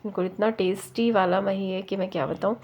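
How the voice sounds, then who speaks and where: A young woman vlogger with a slight cold chats in a homely, rambling way. Her voice sits at an ordinary middle pitch. She strings her thoughts together with soft fillers as she goes. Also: fairly even intonation, a little fast, slight background noise. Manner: chatty and homely, full of fillers like "na" and "matlab". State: has a cold. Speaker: home vlogger. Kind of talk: casual vlog chat.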